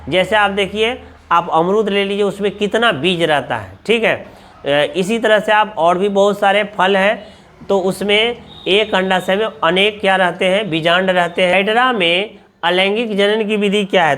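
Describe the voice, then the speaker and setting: A man's voice: high-pitched, fairly bright tone. A male coaching teacher going through objective exam questions, asking each question aloud and answering it himself, repeating every answer for drilling. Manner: asks questions then answers them himself. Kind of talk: exam question walkthrough lesson.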